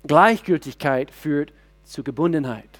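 Middle-aged man as pastor; sermon delivery, fairly high voice, many halting restarts. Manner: searching restarts, rhetorical questions to the congregation.

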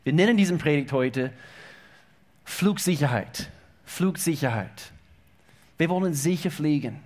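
Halting, higher-voiced male preacher. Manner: halting with repeated words, swings between hushed and loud. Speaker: pastor. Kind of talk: sermon.

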